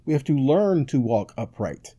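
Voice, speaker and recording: In a lo-fi recording, a male preacher delivers conversational Bible teaching in a mid-range, dark-toned voice that is very animated at a moderate pace. He is emphatic and instructive, repeatedly questioning his audience and making sure they keep up.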